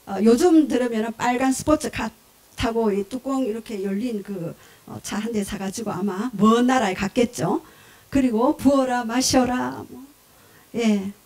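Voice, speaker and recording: Animated woman preaching a sermon. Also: fairly high pitch. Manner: animated storytelling, acting out voices and rhetorical questions. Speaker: pastor.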